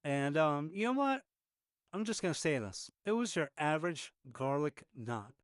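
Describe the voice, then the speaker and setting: A man's voice: on the high side, very animated, normal speed, dry recording, studio quality. A man telling how a meal went in casual, conversational voice-over, chatting with plenty of fillers. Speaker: food reviewer. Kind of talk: casual voice-over narration over footage.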